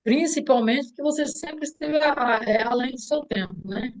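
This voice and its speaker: A middle-aged woman speaks with a Brazilian Portuguese accent and a fairly high voice. She answers an interview as a mother, sincerely and thoughtfully, often starting a sentence over before finishing it. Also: normal speed, rough recording. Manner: earnest and reflective, with frequent restarts. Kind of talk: heartfelt conversation.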